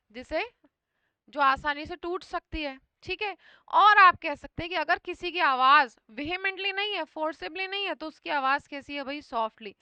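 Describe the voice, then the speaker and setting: High bright voice, woman teacher explaining english words in hindi, dry close sound. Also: dry recording. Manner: often repeats "thik hai" to check understanding. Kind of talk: exam vocabulary lesson.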